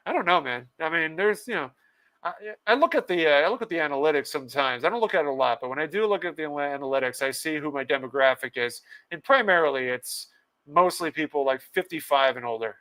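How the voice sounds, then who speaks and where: A man's voice: fairly high pitch, animated, fast, bright, forceful tone. A man hosting a casual livestream podcast, laughing often and reading out viewers' comments. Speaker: podcast host.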